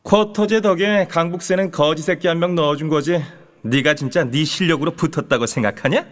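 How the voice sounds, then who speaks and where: An actor playing an arrogant, snobbish high school bully in an audio drama, sneering and haughty, in a reverberant space. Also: male voice, fairly quick, a bit bright, natural voice. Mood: scornful, hostile.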